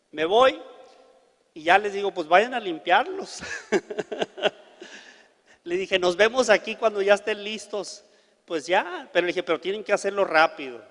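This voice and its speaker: A man's voice: high voice, in a large hall. A man preaching a sermon, telling a story and acting out each person's lines. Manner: animated storyteller acting out dialogue.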